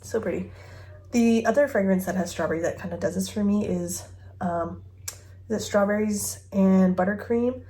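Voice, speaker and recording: Reviewing fragrances in her bedroom by a dresser, a woman in her thirties chats at a moderate pace in a warm, mid-range voice. She giggles and thinks aloud as she records on a phone mic.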